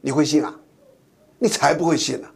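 Older man, gravelly emphatic commentary. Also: on the high side, fairly even intonation, fairly quick. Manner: emphatic, rhetorical questions, colloquial. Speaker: former navy captain, commentator. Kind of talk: talk-show commentary to camera.

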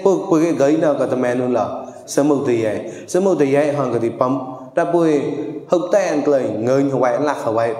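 A man's voice: mid-range voice, a little mellow. A man giving a traditional verse performance, declaiming with frequent exclamations and sometimes slipping into sung lines. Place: monastery hall. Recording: echoey hall with long reverb.

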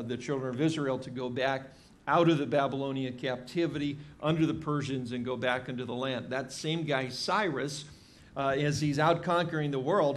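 Pastor, man in his 50s, mid-pitched, easygoing sermon delivery full of fillers, lectern mic in a church. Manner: conversational, many fillers and restarts. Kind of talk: expository sermon. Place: church stage with drum kit behind.

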